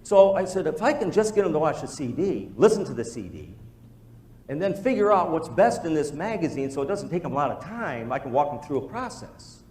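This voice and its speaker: A man's voice: a little high, a little fast, echoey room. A man giving a motivational business talk to a live group, telling stories and acting out the dialogue. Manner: storytelling, animated, acts out quoted dialogue. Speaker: business presenter.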